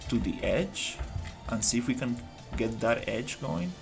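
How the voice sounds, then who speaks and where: Over music, a Costa Rican man streams his game development, his mid-range voice gravelly with lively intonation and a little slow. He thinks aloud casually in live-stream style, with many fillers and false starts.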